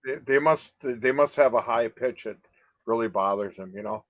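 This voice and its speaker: A man's voice: mid-range voice, moderate pace, no echo, poor audio. Older male co-host, casual, rambling delivery full of restarts, dry close sound. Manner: rambling, many restarts and "you know?" tags. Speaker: co-host of a live advocacy chat. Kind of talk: casual live-stream chat.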